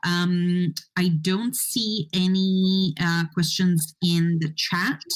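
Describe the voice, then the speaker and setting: Lower-voiced woman hosting, halting and casual. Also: flat delivery. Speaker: livestream conference host. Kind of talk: casual, unscripted moderating. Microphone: internet call.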